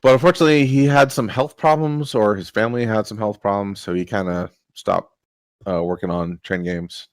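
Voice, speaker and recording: A man's voice: fairly low pitch, fairly even intonation, a little fast, dry recording. A man casually explaining board game rules, rambling with many fillers.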